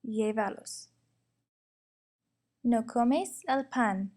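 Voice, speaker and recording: A young woman slowly and carefully reading out a lesson, explaining grammar and its examples. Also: on the high side, darkish tone. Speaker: student presenter. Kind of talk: instructional narration.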